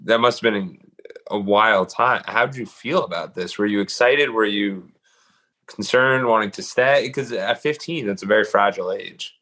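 Upbeat low-voiced male podcast host. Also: normal speed, sharp tone. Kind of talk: upbeat scripted intro, then casual interview questions.

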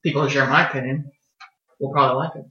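A man's voice: medium pitch, fairly even intonation, quick pace, sharp tone. A man co-hosting a podcast, chatting casually about a film with dry, teasing sarcasm. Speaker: podcast co-host. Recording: roomy, dull lo-fi sound.

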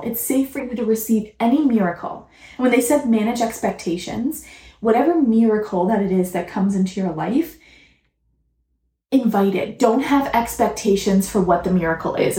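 A woman hosting a spiritual podcast in chatty, animated casual talk, mildly profane and often laughing, recorded on her phone. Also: medium pitch, roomy sound. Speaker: podcast host and channeler.

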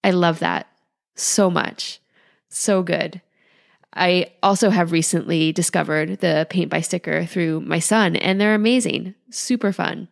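A woman hosting a podcast in a gentle, unhurried way, her voice nasal while she gets over an illness. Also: lowish voice, vocal fry. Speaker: podcast host, holistic life coach. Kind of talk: calm podcast talk.

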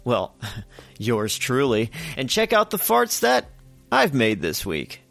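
A man hosting a comedic radio-style show, chatty and animated as he jokes through his segments. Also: mid-range voice, takes it slowly, vocal fry, faint music behind.

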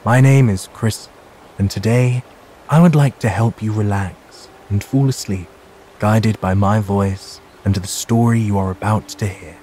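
Calm guy doing a bedtime sleep story, really soft mellow tone, slow and measured, bit of ambience behind. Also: fairly low pitch, slight background noise. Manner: calm, measured, hushed guiding delivery.

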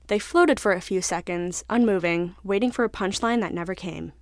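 A woman narrating a scripted story in a measured, even way. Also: mid-range voice, no room sound, studio quality.

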